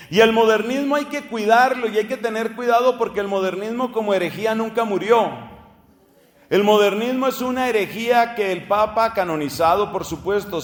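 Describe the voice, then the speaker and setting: High-voiced preacher in an echoey hall. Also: male voice. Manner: earnest, rhetorical questions, spells out names. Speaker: priest preacher. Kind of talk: teaching sermon.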